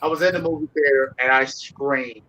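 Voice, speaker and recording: A man's voice: medium pitch, steady tone, fairly quick, bright, forceful tone. A man co-hosting a casual film discussion, telling stories with emphatic enthusiasm. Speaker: co-host. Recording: muffled lo-fi audio.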